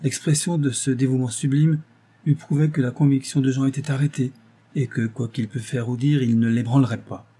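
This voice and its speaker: Male narrator, audiobook novel reading, mellow tone, husky voice. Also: mid-range voice, fairly even intonation, a little fast.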